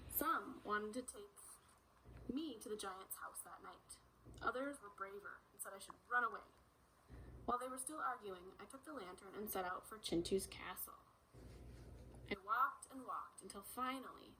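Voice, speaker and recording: A woman's voice: mid-range voice, a little hiss or hum, lightly acted, low-quality recording. A woman voicing a brave young boy recounting his adventure in a storybook read-aloud.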